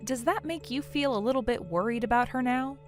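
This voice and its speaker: A woman's voice: a little high, brisk, soft background music, lightly acted. A woman playing a weary, sarcastic younger sister in a scripted audio story, speaking in a dry, curt, guarded way.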